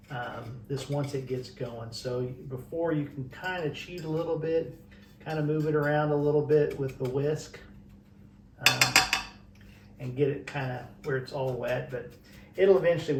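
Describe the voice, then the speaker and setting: A man's voice: medium pitch, a bit bright, slight background noise. A man in his forties from Western Kansas, with a Western Kansas accent, hosting a casual home cooking demonstration with folksy, rambling explanations. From Western Kansas, USA. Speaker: host of a DIY cooking channel. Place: home kitchen at the stove. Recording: roomy, distant kitchen sound.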